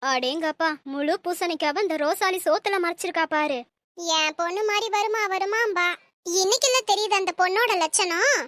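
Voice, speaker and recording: Cartoon: a nosy, mocking village gossip, very high and bright. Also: female voice, moderate pace, no room sound.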